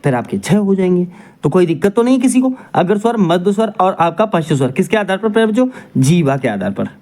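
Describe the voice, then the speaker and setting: A man's voice: high-pitched, sing-song, quick pace, darkish tone. A male teacher giving an exam coaching lesson, asking questions and answering them himself while checking in with his students again and again.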